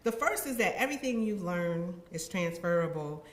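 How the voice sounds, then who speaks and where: Woman, university administrator, ceremony address; expressive, animated delivery, echoey room sound. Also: lowish voice, moderate pace. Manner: expressive, acts out her own past thoughts. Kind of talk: heartfelt ceremony speech.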